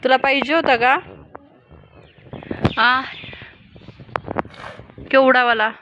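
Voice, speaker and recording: A young mother vlogs on a rooftop terrace, holding her phone to talk to the camera and coax her small child with questions. Her high voice stays steady and moves extremely slowly. The outdoor phone audio is noisy and dull.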